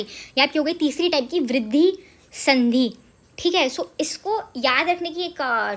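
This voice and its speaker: A woman's voice: high voice, bright, forceful tone. A woman teaching an exam-prep grammar lesson, mixing English into her Hindi and checking in often with rhetorical questions.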